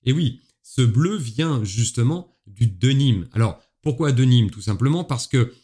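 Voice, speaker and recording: A man's voice: mid-range voice, lively intonation, measured pace, mellow, slightly rough. A man from France hosting a solo history podcast, explaining in a chatty way with playful asides to his listeners. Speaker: podcast host.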